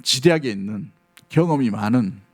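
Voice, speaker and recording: A man's voice: mid-range voice, lively intonation, moderate pace, a little mellow, faint music behind. A middle-aged male pastor preaching a sermon, speaking earnestly and conversationally and often asking the congregation questions.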